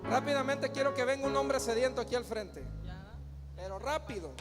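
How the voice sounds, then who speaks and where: Long hall reverb and faint music surround a pastor's sermon in a large church hall. Speaking at normal speed in a very high-pitched voice, he is emphatic, firing rhetorical questions and calling the crowd to respond.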